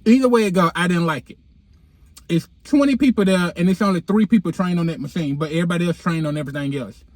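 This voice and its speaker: Talking quickly in a high voice, a vlogger and podcast host chats to followers from his car, holding his phone to record. The sound is dry, and his s whistles through a lisp caused by dental aligners. His manner is candid, slangy and sassy.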